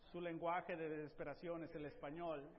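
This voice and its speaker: Man, middle-aged pastor, exhorting sermon, high voice, dull sound. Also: level tone, moderate pace, very noisy. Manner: exhorting, frequent "amén", drops to soft emphasis at phrase ends. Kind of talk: bilingual church sermon. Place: church sanctuary. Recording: dull, roomy church hall recording.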